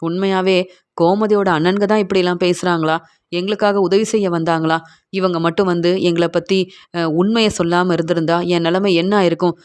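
A woman's voice: fairly low pitch, fairly even intonation, brisk, darkish tone, smooth, lightly acted. A woman reading the lines of an older father pleading on his son's behalf, in a retelling of a TV serial scene. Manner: pleading, aggrieved.

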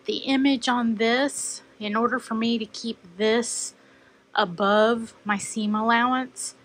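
A woman's voice: on the high side, fairly bright tone, low-quality recording. A woman hosting a quilting tutorial, chatting and thinking aloud as she measures and cuts fabric at her sewing table. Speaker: quilting channel host. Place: sewing room at a cutting table.

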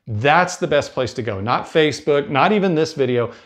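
His voice sits on the high side and is expressive, moving at a normal speed. He's a fifties-aged American man hosting a cruise advice video, conversational and explanatory. Recorded indoors near bookshelves on a lapel mic.

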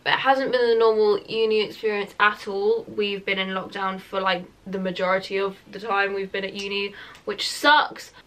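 A twenty-year-old British woman vlogs a casual get-ready-with-me chat to a camera about a metre away in a small room at home, saying "like" constantly. Her mid-range voice is fairly bright and level, at a moderate pace, though the recording is rough.

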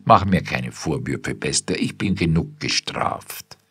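A man's voice: rumbling low, expressive, a little slow, vocal fry, fairly bright tone, slightly rough, exaggerated voice. A man voicing an elderly general's wife who speaks unsure and distracted, in a spoken story. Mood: contrite.

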